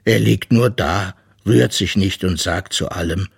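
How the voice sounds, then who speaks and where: A man voicing a worried, gruff father polar bear in a storybook reading, sighing and grumbling in a low voice. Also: measured pace, no room sound, clean studio sound, full character voice. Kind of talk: audiobook character voice.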